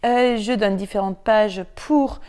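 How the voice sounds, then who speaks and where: Mellow-voiced woman explaining, many fillers. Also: medium pitch, clear, resonant tone. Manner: hesitant, many fillers and restarts; chants syllables slowly when demonstrating. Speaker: teacher presenting learning tools. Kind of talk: explanatory tutorial presentation.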